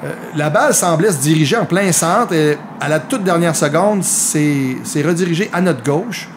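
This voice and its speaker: Quebec guy doing golf commentary, voice a bit high, explains the shots, bit of noise behind him. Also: lively intonation, moderate pace. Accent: Quebec French. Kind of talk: live mini-golf match commentary.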